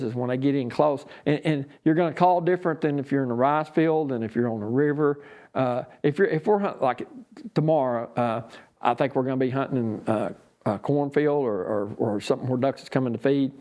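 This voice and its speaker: A man with a Southern US accent explains his craft as an instructor would in an informal lesson. His voice sits at a middle pitch, and he talks in a folksy, rambling, unscripted way. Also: warm tone. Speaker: duck calling instructor and champion.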